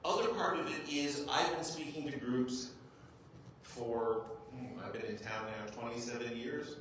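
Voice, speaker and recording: In a very echoey hall, a clip-on mic heard from afar picks up a rabbi from the United States speaking casually to a group, with faint noise present. His English is native, his mid-range voice slightly bright, and his intonation fairly even at a measured pace. He uses self-deprecating humor and often asks listeners "right?"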